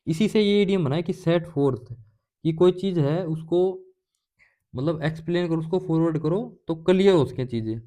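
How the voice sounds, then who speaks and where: Guy teaching english idioms, warm dark voice, asks questions then answers them himself, joking around. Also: a little high, moderate pace. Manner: jokey, playful asides while explaining. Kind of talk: casual classroom lecture.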